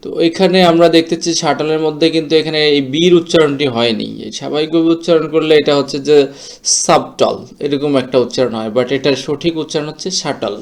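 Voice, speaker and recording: A man teaching English word pronunciation in a slow, explanatory way, mixing English words into his talk. English is not his first language; his first language is Bengali. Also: fairly high pitch. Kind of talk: explanatory lesson.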